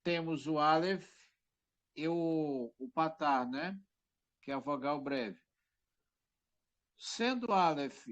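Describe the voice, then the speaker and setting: Slow, patient man teaching. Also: fairly high pitch, lo-fi sound. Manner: patient, repeats words slowly, points things out. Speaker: Hebrew teacher. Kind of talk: online language class. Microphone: microphone.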